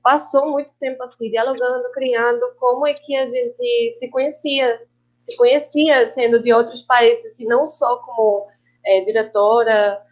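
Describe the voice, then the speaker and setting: A woman from Colombia with a Colombian Spanish accent, a guest filmmaker and actress on an online panel, who speaks reflectively and haltingly, slipping Spanish words into her Portuguese. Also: fairly high pitch, fairly even intonation, dull audio.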